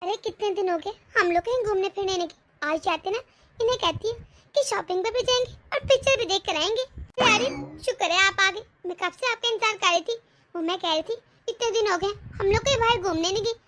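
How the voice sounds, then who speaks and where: A woman voicing a grieving young widowed wife who talks softly and tearfully in a cartoon story. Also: very high voice, a little fast. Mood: hopeful. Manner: soft, tearful, self-effacing.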